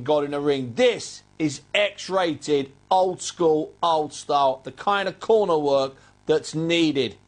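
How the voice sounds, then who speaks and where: A man with a fairly high voice presents a post-fight boxing analysis. He talks in a lively, chatty way with his co-host. The delivery is clear and unhurried.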